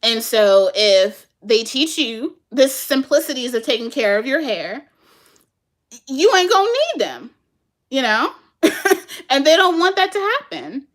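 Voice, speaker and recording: A woman with a high voice talks a little slowly as she casually chats with viewers and responds to their comments. Animated and quick to laugh, she addresses them as "y'all."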